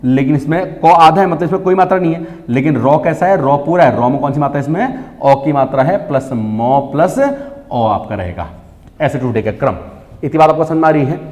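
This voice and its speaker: Hindi teacher quizzing his viewers, lively pitch. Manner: asks and answers his own questions, repeats key words slowly. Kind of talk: classroom-style online lesson. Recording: long reverb.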